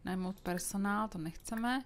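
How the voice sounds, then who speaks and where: A woman with a Czech accent giving casual let's play commentary, chatting to her game characters with sudden loud outbursts. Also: mid-range voice. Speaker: gaming streamer.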